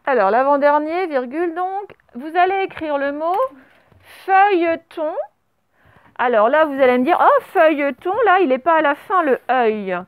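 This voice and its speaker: A woman teacher leads a spelling dictation for young children, recorded to camera. Her voice sits high, and she talks patiently, spelling words out letter by letter. The sound is dry, with no room echo. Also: lively intonation, moderate pace. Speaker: primary school teacher.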